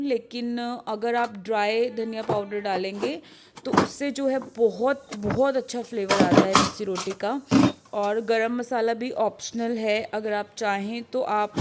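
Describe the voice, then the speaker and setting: Tired young woman vlogging at home. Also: medium pitch. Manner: soft, slow morning talk to keep others asleep. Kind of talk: casual vlog narration. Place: home kitchen. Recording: home video with noticeable noise.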